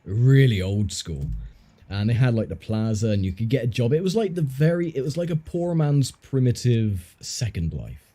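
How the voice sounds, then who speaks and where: A man's voice: mid-range voice, lively intonation, moderate pace, mellow. A man streaming, telling rambling stories in casual chat with a friend. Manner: rambling, self-interrupting storyteller.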